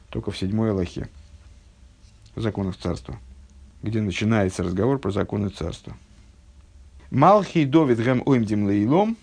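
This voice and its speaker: Male religious teacher, somewhat low voice, measured text-study lecture, frequent hesitations. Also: gravelly, a little mellow, slightly rough. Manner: measured, halting, with frequent fillers and self-corrections; reads and translates Hebrew quotations.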